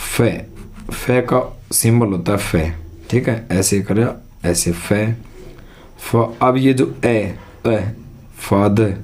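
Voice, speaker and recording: A man's voice: fairly low pitch, a little mellow. A male teacher, giving a lesson and asking then answering his own questions. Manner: repeats words, asks and answers own questions. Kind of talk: classroom lesson with board.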